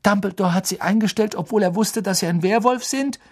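A man's voice: sits high, fairly quick, husky, voice pushed up. A man voicing an indignant teenage wizard boy in a storybook reading, blustering in disbelief. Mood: incredulous. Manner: incredulous, blustering.

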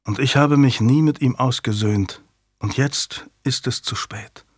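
A man's voice: mid-range voice, measured pace, husky, no echo, clean studio sound. A man voicing a bitter young nobleman who talks in a sullen, mocking way. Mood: grieving.

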